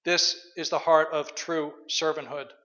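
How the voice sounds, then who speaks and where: A male pastor preaches in a large church hall, conversational and reflective, often pausing on fillers. His voice sits somewhat high for a man, bright and forceful with little pitch movement, though the recording itself is dull and lo-fi.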